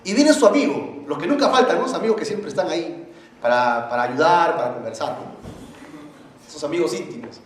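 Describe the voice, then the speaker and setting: Male pastor, high animated preaching voice, big church echo, faint hiss. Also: fairly quick. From Peru. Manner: animated preaching, asks the congregation questions. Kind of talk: sermon. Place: church hall. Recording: very echoey church hall, faint noise.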